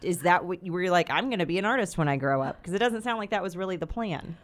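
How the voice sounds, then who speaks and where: A woman's voice: lowish voice, expressive, fast. A woman interviewing a guest in an easy, encouraging way, often affirming with short replies. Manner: encouraging, frequent affirming backchannels. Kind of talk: casual interview conversation.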